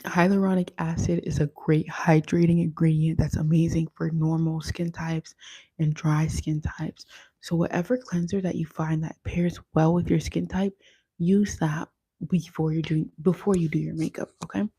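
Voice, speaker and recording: A woman's voice: sits low, flat delivery, moderate pace, dark tone, husky, no room sound. A young woman teaching makeup on a casual livestream, chatty and often checking in with "okay?".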